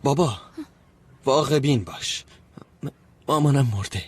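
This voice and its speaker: A man's voice: medium pitch, breathy edge, no room sound, close to an everyday voice. A young actor playing an impatient son who presses his father about an inheritance, in a dubbed TV drama.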